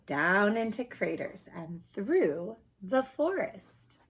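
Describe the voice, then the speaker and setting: A woman with a slightly husky, mid-range voice reads a children's picture book aloud slowly, in an expressive, emphatic storytelling style.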